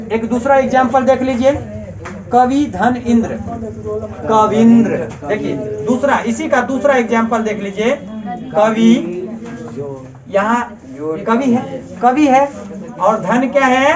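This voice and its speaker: A man's voice: very high voice, unhurried, long pauses, crowd noise. A man teaches a class, firing questions at his students and drilling each answer again and again. The recording sounds dull and lo-fi, with a room full of students audible around him. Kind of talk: classroom Hindi grammar lesson.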